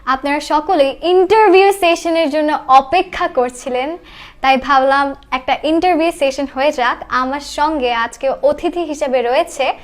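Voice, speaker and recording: High-voiced woman interviewer. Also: normal speed. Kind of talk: casual interview hosting.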